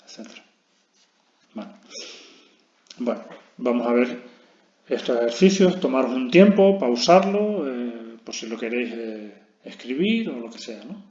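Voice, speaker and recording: An English teacher gives a recorded lesson, explaining step by step and checking in with students after each point with constant "¿vale?". His mellow, medium-pitched voice has lively intonation, unhurried with long pauses. The recording is dull, roomy and lo-fi.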